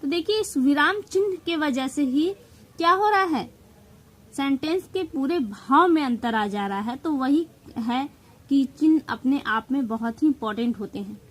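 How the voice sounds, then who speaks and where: A woman with a Hindi accent teaches an exam-prep grammar lesson, walking through each step, stressing key terms and slipping in English words. Her voice sits high with lively intonation and an unhurried pace, though the recording is rough.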